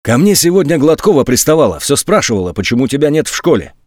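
A man voicing a nervous, chatty teenage schoolboy who talks in a hurried hush. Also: on the high side, very animated, no room sound, studio quality.

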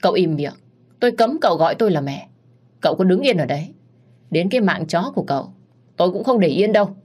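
A woman voicing a fierce, protective middle-aged mother who gives loud commands. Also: fairly low pitch, moderate pace, lightly acted. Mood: furious. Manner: commanding, furious.

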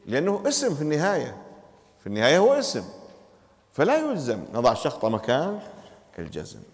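A male teacher runs a grammar lesson, firing questions at his students with a lively voice that swings up and down. The sound carries a long echo from the classroom around him. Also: on the high side, fast talker.

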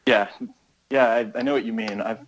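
A man's voice: mid-range voice, moderate pace, background noise. An American man, a touring musician, talking casually and thinking aloud during a phone interview. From United States. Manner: rambling, relaxed, thinking aloud.

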